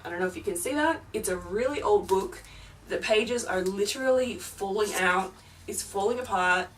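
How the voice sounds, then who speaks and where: Speaking at a moderate pace in a mid-range voice, a young woman who runs a paranormal YouTube channel rambles casually in a home vlog, leaning on lots of fillers. The distant mic catches faint background sound of a film going in the next room.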